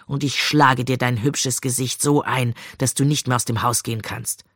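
Reader doing a cold, domineering young husband, pitched low and gravelly, dry close sound, slow menacing lecture. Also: fairly even intonation, a bit bright, no room sound. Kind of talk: audiobook reading.

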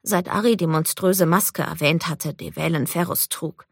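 A woman narrating a fantasy novel in the first person with a measured storytelling delivery. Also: fairly low pitch, husky, no room sound, clean studio sound. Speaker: audiobook narrator.

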